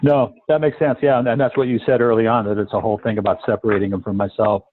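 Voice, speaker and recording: Halting, thoughtful man on a tinny line. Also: lowish voice, steady tone. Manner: thoughtful, halting, many ums. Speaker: coaching student. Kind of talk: live coaching demonstration. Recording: tinny phone-like call line.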